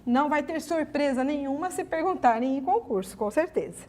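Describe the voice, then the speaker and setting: A woman's voice: high-pitched, fairly quick, a little hiss or hum. A woman teacher with a Brazilian accent giving an exam-prep grammar lesson. She asks herself her students' questions and answers them, and keeps checking with tags like "ok?". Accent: Brazilian Portuguese. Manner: lively, emphatic, many "ok?" and "né?" tags.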